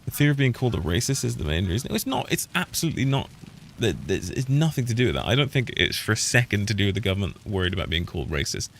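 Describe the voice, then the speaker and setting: Gravelly and fairly low-pitched, this British streamer from the United Kingdom talks fast in a sing-song way during casual gameplay commentary. He's opinionated and rambling, often trailing off and starting over, with slight background noise behind him.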